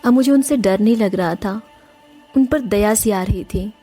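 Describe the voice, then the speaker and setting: A woman's voice: mid-range voice, unhurried, warm tone, breathy edge. A woman narrating a first-person horror story in an earnest, emotional way, speaking directly to her listeners. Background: faint music.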